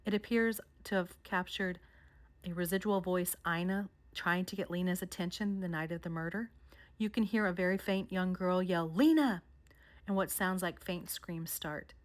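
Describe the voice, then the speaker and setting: A woman vlogger narrating a countdown of haunted places in a measured storytelling way. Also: on the low side, fairly even intonation. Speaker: paranormal vlogger. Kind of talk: scripted narration.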